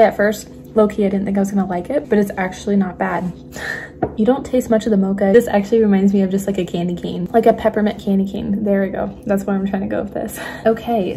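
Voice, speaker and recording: Late at night, a young woman talks casually into a phone camera resting on her kitchen counter, chatting as a vlogger about cooking. Her mid-range voice is warm and mellow instead of bright, and she giggles, often dropping to a hushed near-whisper. A faint hum of noise runs behind her.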